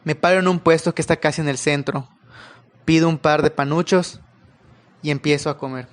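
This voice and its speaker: Man, horror story narrator, calm unhurried telling, slightly high voice.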